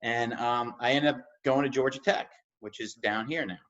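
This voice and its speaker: This man, raised in New York, is the CEO of a construction analytics company, appearing as an interview guest. His medium-pitched, fairly bright voice moves at a normal speed as he tells personal stories in a casual, easygoing way. The recording sounds dull and lo-fi.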